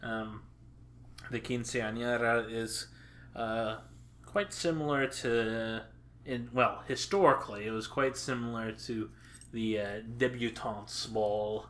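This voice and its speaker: Slow, halting man on a podcast. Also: mid-range voice, steady tone, fairly bright tone. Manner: halting, many filler pauses, dry crude jokes. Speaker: podcast co-host. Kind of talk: casual podcast chat.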